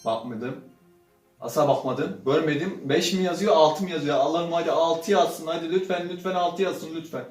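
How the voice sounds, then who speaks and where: A man doing casual gaming commentary as he opens loot boxes, swinging between low muttering and sudden loud outbursts. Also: normal speed, distant mic. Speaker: gaming channel host. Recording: roomy sound from off-mic with faint music.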